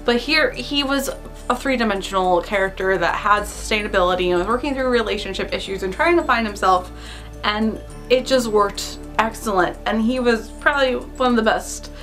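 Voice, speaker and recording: A woman's voice: mid-range voice, moderate pace, fairly bright tone, faint music behind. A woman chatting casually and eagerly through a film review, gushing and giggling as she gives her opinions. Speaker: YouTuber reviewing films.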